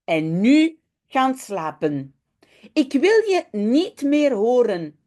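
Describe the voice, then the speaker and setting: A woman voicing a kindly aunt who puts two small children to bed, in a gently bossy, sing-song manner. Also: on the high side, sing-song, drawn-out words, full character voice. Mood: fond, bossy.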